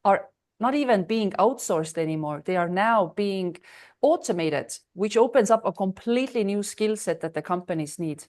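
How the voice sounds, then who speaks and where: A woman in her thirties from Estonia, a freelance consultant speaking as a podcast guest in a measured way, with frequent ums and uhs. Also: medium pitch, expressive, a little mellow. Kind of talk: conversational interview.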